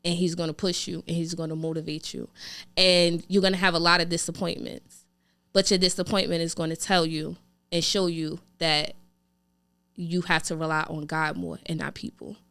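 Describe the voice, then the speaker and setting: A woman's voice: low voice, flat delivery, moderate pace, vocal fry, a bit bright, smooth, no room sound. A woman co-hosting a casual chat podcast, talking in an earnest, heartfelt way with many "like" fillers. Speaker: podcast co-host.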